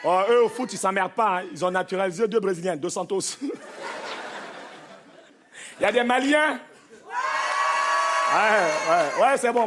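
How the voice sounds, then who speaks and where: A male stand-up comedian performing an animated, playful set, bantering with the crowd and slipping into mock accents. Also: high-pitched. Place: large theater stage before a live audience. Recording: live concert recording with crowd noise. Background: audience laughter and noise.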